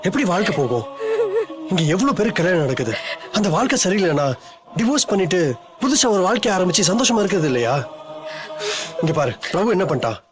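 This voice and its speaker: Brief: actor playing a comforting young man in a dubbed serial, lively rise and fall in his voice, music playing underneath. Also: high voice, fast talker, pauses often. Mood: soothing. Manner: soothing, pleading, firm reassurance.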